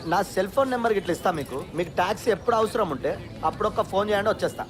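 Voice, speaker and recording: An actor playing an eager, obsequious taxi driver. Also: male voice, high voice, lively intonation, quick pace. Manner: obsequious, chatty. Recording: street traffic noise outdoors.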